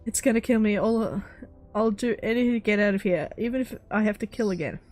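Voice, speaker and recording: A woman's voice: medium pitch, brisk, a little mellow, soft background music, natural voice. A woman voicing a scarred male prisoner who begs desperately to be let out of his cell. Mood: pleading. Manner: pleading, desperate. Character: panicked scarred male prisoner begging for release.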